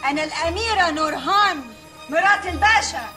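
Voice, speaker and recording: An actress playing a haughty princess, the pasha's wife, speaking with indignant grandeur. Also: female voice, very high-pitched, brisk, over music. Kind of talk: comedic film acting.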